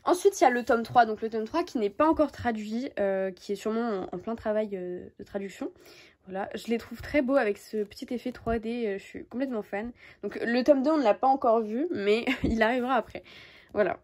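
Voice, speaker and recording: A woman's voice: on the high side, brisk, a little mellow. A young woman chatting casually about books she bought, with frequent hesitations and restarts. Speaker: book YouTuber. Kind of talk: casual book haul chat.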